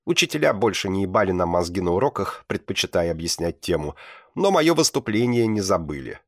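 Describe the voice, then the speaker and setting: Deep-voiced man, blunt profane audiobook narrator, dry. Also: very animated, a little fast, dry recording. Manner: blunt, profane first-person telling. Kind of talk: audiobook reading.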